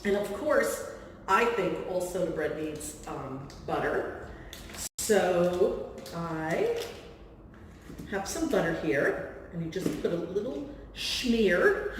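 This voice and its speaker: A woman's voice: on the low side, slight background noise. Brief: woman host, casual cooking demo, chatty and self-deprecating, heard from a distant camera mic in a reverberant room. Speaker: real estate agent hosting a cooking demo. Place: kitchen of a rental home.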